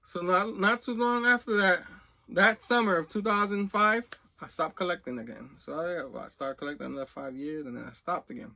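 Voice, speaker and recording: A middle-aged man who hosts a comics collecting video channel tells a personal story in a casual, rambling way, acting out bits of remembered dialogue. His voice is high-pitched, creaky and bright, with a forceful tone and a slightly fast pace.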